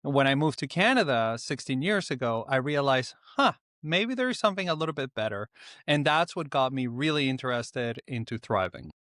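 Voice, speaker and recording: Middle-aged man, mid-pitched, dry close sound, measured guest. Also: no echo. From Venezuela. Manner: calm, explanatory, with frequent "uh" pauses. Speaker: guest author. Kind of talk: reflective interview answers.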